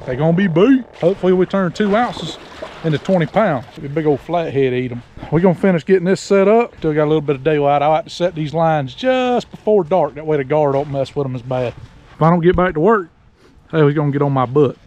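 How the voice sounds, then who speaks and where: A man with a rural South Georgia accent chatting casually to camera in a folksy, joking, unhurried porch-sitter way as he hosts an outdoor vlog. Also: fairly high pitch, animated, a little mellow. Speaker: host of an outdoor fishing and camping vlog. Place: outdoors on a river sandbar and boat. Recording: outdoor noise from boat and river.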